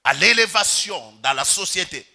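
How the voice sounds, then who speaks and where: A man's voice: high-pitched, animated, moderate pace, gravelly, sharp tone. A Congolese pastor preaching a sermon in church, calling out to the congregation and stretching his key words for emphasis. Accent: Congolese French.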